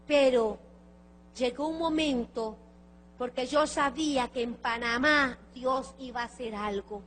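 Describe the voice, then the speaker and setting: A woman's voice: sits high, a little slow, fairly bright tone, a little hiss or hum. A woman preacher telling a testimony as a sermon, fervent and emotional. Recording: long reverb of a large hall.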